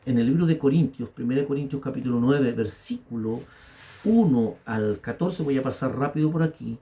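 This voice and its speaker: A man's voice: mid-range voice, normal speed, mellow. A man in his fifties with a Chilean accent, a pastor telling his own story in a sermon and building to emphatic exhortation. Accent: Chilean Spanish.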